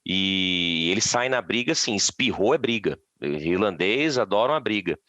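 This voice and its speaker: A man's voice: sits low, expressive, moderate pace, bright, forceful tone, no echo. A Brazilian man chatting on a podcast, telling stories with many restarts. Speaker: podcast guest. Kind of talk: casual podcast chat.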